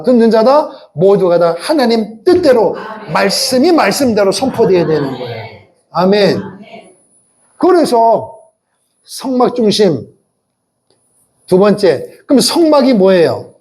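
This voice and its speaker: Pastor guy preaching, pretty high voice, swoops up and down a lot, keeps asking the crowd questions. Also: measured pace. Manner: animated preaching with rhetorical questions and call-and-response. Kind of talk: sermon.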